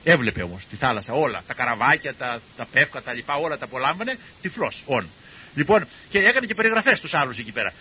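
Husky older man telling stories. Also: medium pitch, highs cut off. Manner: lively storyteller who acts out the people he quotes. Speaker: cardiologist and university professor giving a talk. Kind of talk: storytelling talk to an audience.

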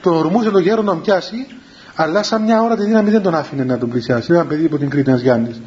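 A man's voice: a little high, a little mellow. A man, a monk, gives a spiritual talk full of anecdotes, repeating his phrases and calling his listeners children. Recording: dull lo-fi with faint background hiss.

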